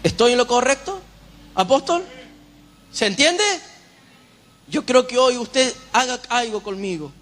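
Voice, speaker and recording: A man with a very high, bright voice preaches in church. He speaks fervently and keeps checking with the congregation through rhetorical questions. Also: expressive, measured pace, long pauses. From Uruguay. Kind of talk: sermon.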